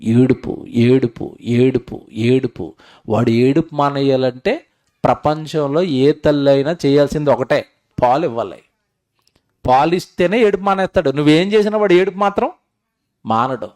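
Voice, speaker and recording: A man preaching a sermon at a Bible seminar, questioning his audience and swinging between hushed, tender lines and loud, rising exclamations. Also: medium pitch, normal speed.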